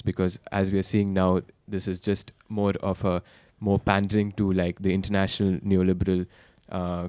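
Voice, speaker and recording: Deep, flat-voiced man on a panel. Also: clear, resonant tone, no room sound. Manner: measured, critical, with fillers. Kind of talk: panel talk.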